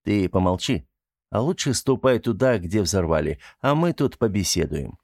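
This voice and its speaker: A man's voice: fairly low pitch, expressive, moderate pace, darkish tone, no echo, studio quality. A man voicing a brusque young male officer giving curt orders in an audiobook. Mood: irritated.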